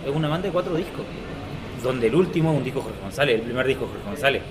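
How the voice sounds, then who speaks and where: A man's voice: medium pitch, lively intonation, very fast, noisy background. A man, co-hosting a casual podcast discussion and thinking aloud with many fillers. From southern Chile. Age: 30s. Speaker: podcast co-host.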